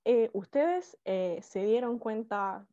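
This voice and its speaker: A Chilean woman teaching over a video call, her voice high and shrill. She talks slowly and keeps checking in with her class. The audio is dry and a little muffled. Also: no room sound. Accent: Chilean Spanish. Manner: lively, checks in often with the class. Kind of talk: online class lecture.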